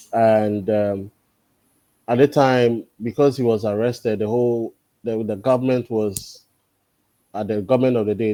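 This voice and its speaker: A man around forty, a guest in a casual interview, talking thoughtfully and pausing often on drawn-out fillers. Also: lowish voice, dark tone, no room sound. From Ghana. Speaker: podcast guest.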